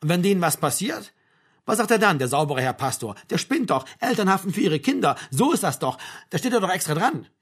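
A woman's voice: on the low side, big pitch swings, fast, breathy edge, pitched above the performer's own voice. A man voicing a stern, indignant middle-aged mother who scolds her family in an audiobook. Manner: indignant, sharp, nagging.

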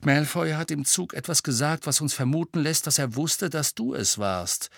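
A man's voice: a little high, moderate pace, vocal fry, fairly bright tone, dry recording, clean studio sound, voice pushed up. A man reading an audiobook, voicing an earnest, protective teenage boy who pleads insistently. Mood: urgent, worried.

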